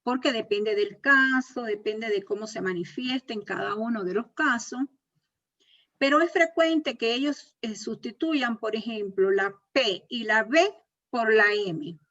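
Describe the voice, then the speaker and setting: A woman's voice: a little high, a little slow, a bit bright. A woman teacher giving a lecture, explaining step by step, repeating key points and checking in with her class. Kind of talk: university lecture on speech disorders. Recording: dull lo-fi recording.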